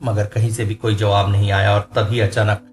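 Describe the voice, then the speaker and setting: A man narrating a horror story in a slow, suspenseful storytelling manner. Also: on the low side, level tone. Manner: slow, suspenseful, rising in tense moments. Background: faint music.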